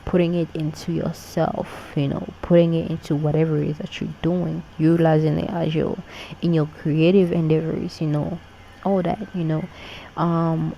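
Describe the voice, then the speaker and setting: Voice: mid-range voice, creaky, lo-fi sound, slight background noise. A tarot reader giving a casual monthly reading straight to the audience, talking loosely and repeating phrases, with frequent "you know" and "okay?". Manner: relaxed, unhurried, repeats key phrases.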